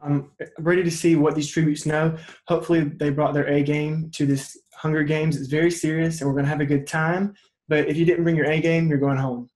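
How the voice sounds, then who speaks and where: A man's voice: on the high side, flat delivery, a little fast, a little mellow, rough recording. A man judging a trivia show, talking in a firm, mock-serious way. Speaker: judge.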